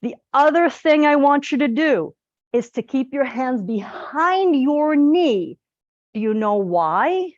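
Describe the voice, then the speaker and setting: A woman teaching a live group exercise class in a lively, chatty, joking and direct way. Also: sits high, takes it slowly, dry recording, highs cut off. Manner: direct, plain-spoken coaching. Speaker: posture exercise instructor.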